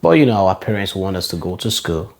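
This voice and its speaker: A Nigerian man in his forties talking in a personal vlog, looking back nostalgically on his childhood neighborhood and listing names and shout-outs. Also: deep voice, sing-song, fairly quick, gravelly. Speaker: vlogger.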